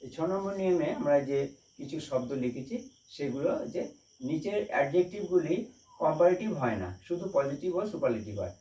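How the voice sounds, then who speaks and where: A man's voice: fairly high pitch, lively intonation, a little fast, dark tone, far from the mic. Man spelling out words in an echoey room. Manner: spells words letter by letter, repeats each word. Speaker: English grammar teacher. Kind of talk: slow spelled-out grammar lesson.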